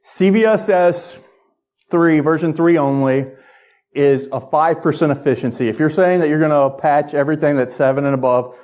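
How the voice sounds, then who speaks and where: A man's voice: a little high, moderate pace, darkish tone. A man presenting an informal technical lightning talk to an audience as a conference speaker, in a conversational way that checks in with listeners. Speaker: conference speaker, security research director.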